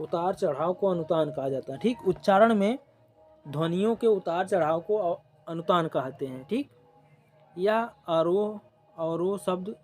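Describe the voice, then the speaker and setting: A male exam-coaching teacher speaks very slowly in a somewhat high voice. He goes over every rule twice and checks in with the class through short prompts. Faint music plays underneath. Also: a little mellow. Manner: repeats definitions slowly, checks in with "ok", "theek".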